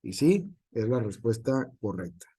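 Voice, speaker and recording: A man's voice: mid-range voice, sing-song, measured pace, dark tone, breathy edge. A male teacher gives an online class, with frequent hesitations and filler words.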